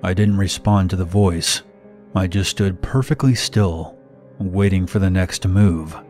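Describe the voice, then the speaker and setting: A man narrating a horror story in steady first person, scripted. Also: low voice, a little slow. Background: faint music.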